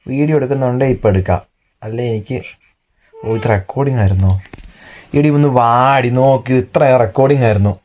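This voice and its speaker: A man vlogging at home while pranking his wife, in a quick, teasing way. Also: mid-range voice, darkish tone. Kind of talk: casual home vlog, teasing.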